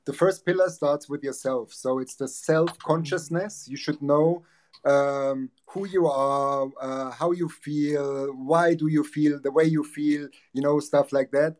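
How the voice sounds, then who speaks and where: Speaking from a home office lined with bookshelves, a German-accented man in his forties appears as a guest relationship coach on a video call. His voice sits on the high side and keeps a steady tone. He explains his ideas earnestly at a measured pace.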